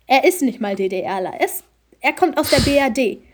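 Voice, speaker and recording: A teenage girl from Germany chatting casually and telling an animated story, acting out voices as she goes. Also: high-pitched, brisk, slightly rough. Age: teens. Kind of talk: casual chat.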